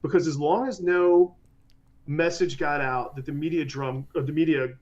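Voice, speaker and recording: A man with a fairly high voice chats animatedly at a moderate pace in a casual podcast, often restarting his sentences and mimicking others as he quotes them. The highs in the audio are cut off.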